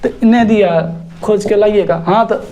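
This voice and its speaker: A male teacher runs an exam-prep grammar lesson in a lively, teasing way. He scolds with rhetorical questions and spells words out letter by letter. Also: high voice, normal speed, muffled recording, slight background noise.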